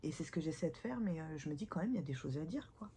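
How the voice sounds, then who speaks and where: Congested, low-voiced woman vlogging. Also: lively intonation, rapid-fire, noisy background. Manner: self-deprecating, a little awkward on camera. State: congested and hoarse with a cold. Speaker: host of a book vlog. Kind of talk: casual chatty vlog to camera. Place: at home, indoors.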